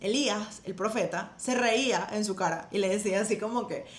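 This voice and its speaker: A woman with a Venezuelan accent, casually and animatedly retelling a Bible story on a podcast, laughing and acting out quotes. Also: brisk. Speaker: podcast host. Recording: echoey room, faint rumble.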